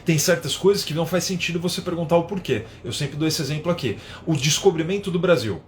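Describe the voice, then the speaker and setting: A man teaching in a live online lesson, explaining with everyday examples and often adding a quick tag question. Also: a little high, a crowd in the background. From São Paulo, Brazil. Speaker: English teacher.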